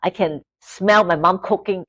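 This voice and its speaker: A woman's voice: on the low side, measured pace, fairly bright tone, no echo, rough recording. A Malaysian woman in her fifties whose first language is Chinese, a guest telling her life story in broken, simple English and laughing often. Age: 50s. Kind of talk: casual interview storytelling.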